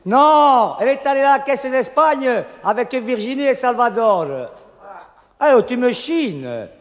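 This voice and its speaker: A man's voice: very high-pitched, expressive, measured pace, long reverb tail, slight background noise. A man from Corsica performing a comic monologue full of wordplay, acting out the voices in a bar story. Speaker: comedian.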